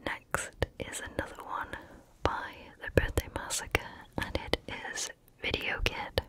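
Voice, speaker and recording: A woman whispers softly, right up at the listener's ear, in an ASMR style. Her delivery is a casual, chatty monologue, kept fully hushed and unvoiced. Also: unhurried. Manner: soft, close-up whisper in the ear. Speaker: ASMR video host. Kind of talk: whispered ASMR chat about favorite music.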